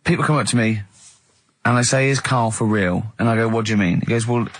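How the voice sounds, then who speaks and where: A man's voice: medium pitch, fast, slight background noise. A man hosting a comic radio show, telling a story with mocking asides and breaking into laughter. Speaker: radio host.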